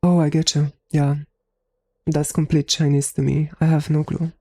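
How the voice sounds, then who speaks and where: A young woman streaming a game, chatting casually with her viewers, her voice a little hoarse from talking, swearing freely. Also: low voice, level tone, moderate pace, dark tone, dry recording. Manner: laid-back, swears freely, answers chat. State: slightly hoarse. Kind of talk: casual live-stream chat.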